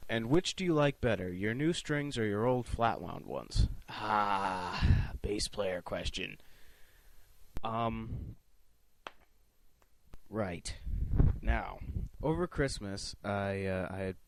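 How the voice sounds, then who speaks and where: Give me a young man with a lowish voice, chatting casually and rambling with lots of restarts. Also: takes it slowly, long pauses, no room sound. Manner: rambling and profane, with many restarts. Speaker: video blogger answering viewer questions. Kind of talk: casual chat.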